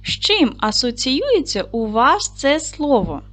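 A woman teaching an online lesson to young schoolchildren, speaking slowly and clearly in an encouraging classroom manner. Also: high voice, big pitch swings, a bit bright.

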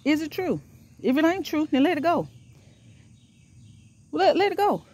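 A woman's voice: high-pitched, very animated, moderate pace, a little mellow. Breathless woman preaching while walking. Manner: exhorting, repetitive, rising into preaching. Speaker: vlogger.

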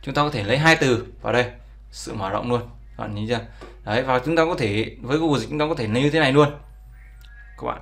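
A man's voice: medium pitch, fairly bright tone. A man teaching an English lesson over a screen recording, explaining words with many fillers and checks with his viewers. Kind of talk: screen-share language lesson.

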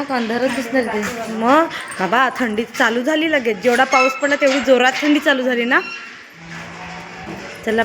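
A woman vlogging casually, chatting to her viewers about her day as she walks around outdoors with her phone. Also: fairly high pitch. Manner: chatty, narrating daily chores to camera. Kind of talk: casual vlog chat. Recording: loud background noise.

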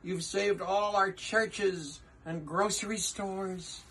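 Man doing a high-pitched tiny friendly mayor. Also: steady tone, slow pace, sharp tone, husky, exaggerated voice, rough recording. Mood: grateful. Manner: polite, heartfelt. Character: tiny, grateful, friendly mayor of a speck-sized town. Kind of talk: storybook character reading.

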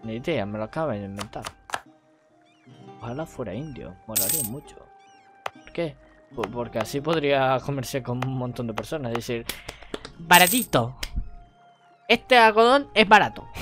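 A man from gives playful, rambling let's play commentary full of jokey asides. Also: medium pitch. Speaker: gaming YouTuber. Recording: music playing under voice.

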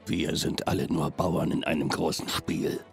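A man's voice: extremely low pitch, little pitch movement, moderate pace, creaky, faint music behind, exaggerated voice. An actor playing a bitter, domineering old man in a video game, with a stern and contemptuous manner. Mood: ominous. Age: older. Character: cold, bitter, domineering old patriarch with underworld past. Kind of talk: dramatic video game acting, German dub.

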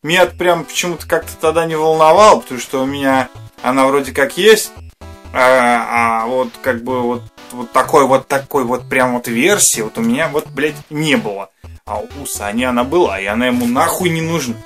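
A man's voice: mid-range voice, fairly quick, fairly bright tone, soft background music. A man in his thirties hosting a casual unboxing vlog in a small room, rambling in slangy, mildly sweary speech. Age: 30s. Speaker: host of a retro games channel. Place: small furnished room indoors.

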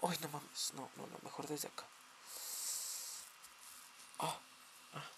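A man's voice: on the high side, little pitch movement, slow, creaky, background noise. A young man with a Mexican accent, chatting playfully on a live stream, dramatic and given to swearing. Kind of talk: casual live stream chat.

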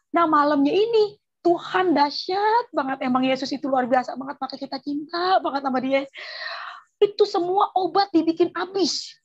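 A woman gives a personal testimony as lively storytelling, acting out the voices of the people in it. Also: high-pitched, dull audio. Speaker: testimony speaker.

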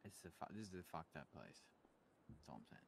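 Very deep, gravelly fast-talking man. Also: very animated, slight background noise. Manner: rambling, musing, swearing. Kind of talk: casual chat on a live stream.

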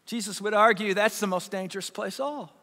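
A male pastor preaching a sermon, dropping to hushed, intimate lows and rising to loud, emphatic peaks. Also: fairly quick. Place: church sanctuary. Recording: church hall reverb.

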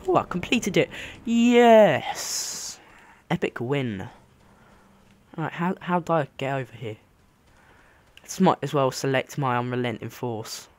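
A man's voice: medium pitch, normal speed, pauses often. A man giving casual let's play commentary on a game, rambling and easily amazed. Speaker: gamer commentating a playthrough.

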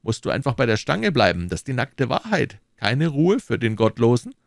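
A scheming persuader who talks down to his listener, coaxing and lecturing, as a man reads him in a raised, lively voice. The voice sits well above the reader's own and swoops about. It is a dry, close audiobook recording. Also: mid-range voice, normal speed, gravelly, no echo, pitched above the performer's own voice. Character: scheming smooth-talking man, cold persuader. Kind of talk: audiobook character voicing.

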